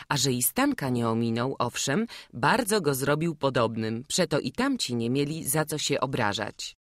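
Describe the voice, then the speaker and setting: A woman narrating an audiobook chapter in a measured storytelling manner. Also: rumbling low, dry recording, clean studio sound. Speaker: audiobook reader. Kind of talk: scripted narration.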